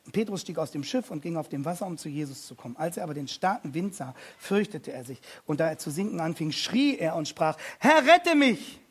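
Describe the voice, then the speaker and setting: Husky high-voiced male preacher. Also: lively intonation, quick pace, few pauses. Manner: emphatic, repeating key phrases, swinging between hushed and loud. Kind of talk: sermon.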